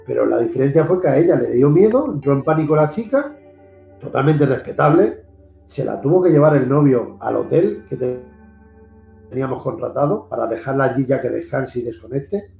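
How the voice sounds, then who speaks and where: Spanish-accented man, gravelly and mellow, earnest storyteller repeating points for emphasis, echoey room with faint guitar behind. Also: mid-range voice, expressive, a little fast. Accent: Spanish from Spain. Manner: earnest, repeats himself for emphasis, acts out the voices in his story. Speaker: paranormal investigator, host. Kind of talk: animated storytelling in a video interview.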